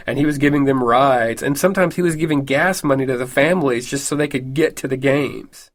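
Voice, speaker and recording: Wry man telling a personal story. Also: mid-range voice. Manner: conversational, wry, with frequent fillers.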